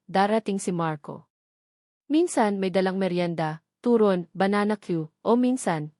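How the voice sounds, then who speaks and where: Reading a scripted romance as a dramatic audiobook narrator, this Filipino-accented woman has a darkish, mid-range voice. The recording is dry and studio-clean.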